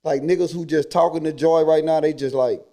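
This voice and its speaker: A man's voice: on the high side, fairly even intonation, a little fast, warm tone. A man hosting a podcast, telling stories and talking casually in heavy slang. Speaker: podcast host. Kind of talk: casual chat and storytelling.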